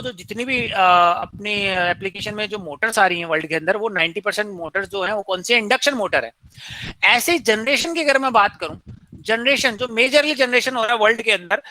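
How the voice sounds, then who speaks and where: A man's voice: extremely high pitch, sharp tone, dry recording, poor audio. A man giving a classroom engineering lecture, posing questions to students and answering them himself, mixing in English technical terms.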